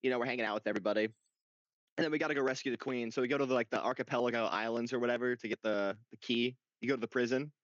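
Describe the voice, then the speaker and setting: A young man in casual podcast chat, telling a game story with excitement and frequent swearing. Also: mid-range voice, rapid-fire, no room sound. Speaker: podcast co-host. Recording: dull lo-fi dry sound.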